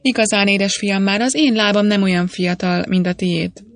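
Woman doing an older engineer guy, fatherly, calm and measured, dry close mic. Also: medium pitch, dry recording, natural voice. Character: older male mining engineer, kindly and measured.

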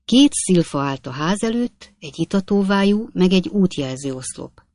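A woman narrating a classic novel as an audiobook reader, in a calm, even storytelling manner. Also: lowish voice. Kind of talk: scripted narration.

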